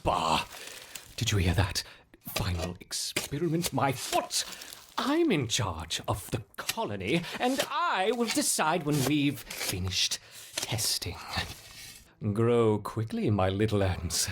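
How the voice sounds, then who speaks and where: A man's voice: medium pitch, wildly swooping pitch, slow pace, background noise. Picture a cranky, eccentric scientist from a video game, who won't let anyone else call the shots on his ant experiments. His voice swings widely up and down as he grumbles indignantly. He takes his time over every word. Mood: defiant.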